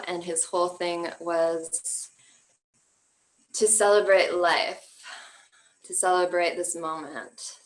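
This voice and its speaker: Low-voiced woman leading a tantra talk. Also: rough recording. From Canada. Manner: gentle, flowing, with soft laughs and fillers. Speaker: tantra workshop teacher. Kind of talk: online workshop talk. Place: at home.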